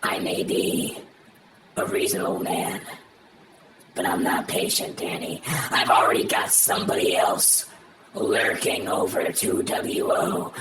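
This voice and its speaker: A man voicing a menacing male wrestler who cuts a threatening promo in a breathy, hissed delivery. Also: deep voice, distant mic, full character voice.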